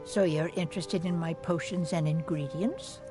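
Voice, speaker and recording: A woman's voice: fairly low pitch, steady tone, normal speed, over music, lightly acted. A woman playing a widowed village alchemist in a video game, sweetly condescending, teasing and slyly flirtatious. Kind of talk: video game character dialogue.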